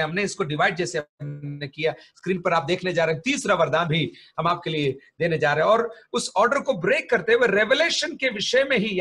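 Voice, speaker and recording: Male pastor, high husky voice, teaching sermon with stories. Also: a bit bright. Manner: mixes English terms into teaching, tells stories. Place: church.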